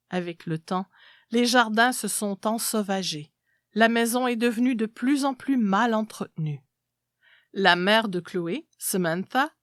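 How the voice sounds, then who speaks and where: A woman's voice: medium pitch, no room sound, clean studio sound. A woman reading a literary story aloud as a scripted narration.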